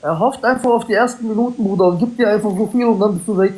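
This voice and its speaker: A man with a high voice chats casually on a livestream. His speech is slangy and sprinkled with Arabic oaths. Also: rapid-fire, a little mellow, rough recording. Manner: slangy, repeatedly saying bro, like and Arabic oaths.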